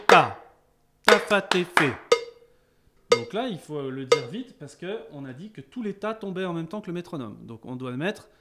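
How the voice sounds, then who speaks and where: A man teaching a beginners' rhythm lesson, explaining calmly between chanted counting exercises. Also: on the high side, very noisy. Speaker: music teacher.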